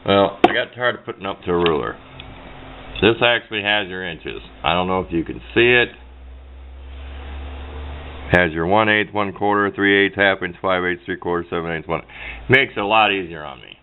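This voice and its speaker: Showing off an antenna he built himself for radio, a middle-aged hobbyist gives a plain, meandering hands-on walkthrough, fixing his own mistakes mid-explanation. He keeps a moderate pace with long pauses, captured on a muffled, low-fi recording where background noise comes through clearly.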